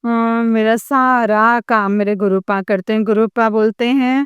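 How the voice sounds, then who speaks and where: Slow-speaking woman giving devotional testimony. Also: on the high side, fairly even intonation, clear, resonant tone, no room sound, highs cut off. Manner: slow, halting, with many fillers and addresses to the congregation. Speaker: devotee sharing experiences with the congregation.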